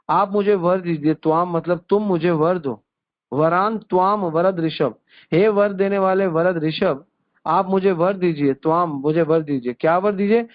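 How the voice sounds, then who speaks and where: A man giving a devotional discourse, explaining scripture verses word by word and repeating key phrases. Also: fairly high pitch. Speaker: spiritual teacher. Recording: tinny conference-call phone line.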